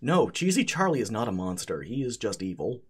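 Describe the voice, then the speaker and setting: A man working as game master, narrating an improvised tabletop game in a halting way, repeating words as he goes. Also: on the low side, sing-song, husky.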